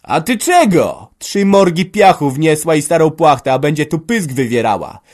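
A man voicing a domineering old peasant farmer who shouts scornful threats at his family. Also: medium pitch, big pitch swings, a little slow, voice pushed up. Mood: angry shouting.

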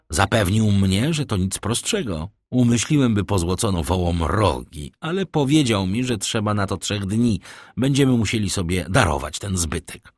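A witty, self-admiring young Frenchman holds forth in a storybook reading, voiced by a man. His lines swing widely in pitch over a low, dry voice. He sounds boastful and theatrical. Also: no room sound.

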